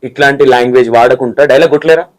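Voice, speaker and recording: A man's voice: mid-range voice, racing. A man, bluntly pressing and scolding his interview guest with pointed questions. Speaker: interview anchor.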